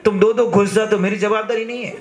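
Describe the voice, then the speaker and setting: A man's voice: high voice, steady tone, quick pace, close to an everyday voice. A male preacher voicing a simple, blunt male devotee who grumbles about his guests, in an echoey hall. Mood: exasperated. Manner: grumbling, indignant complaints in dialect.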